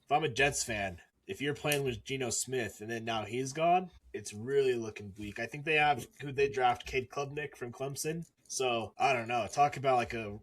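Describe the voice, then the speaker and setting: A man's voice: mid-range voice, normal speed, few pauses. A man chatting about sports as a podcast co-host in a slangy, frat-bro way. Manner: slangy bro-style talk. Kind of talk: casual sports banter.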